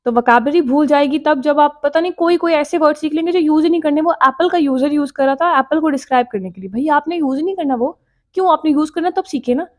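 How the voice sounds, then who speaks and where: Woman english teacher, high voice, chatty lesson, keeps pushing you to just start. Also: fast, a little mellow. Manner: encouraging, direct, repeats herself to make a point. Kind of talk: casual spoken lesson mixing Hindi-Urdu and English.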